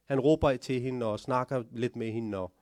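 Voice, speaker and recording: A man giving a storytelling sermon as a religious lecturer, telling the story with animated, rising emphasis. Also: medium pitch, dry recording, studio quality.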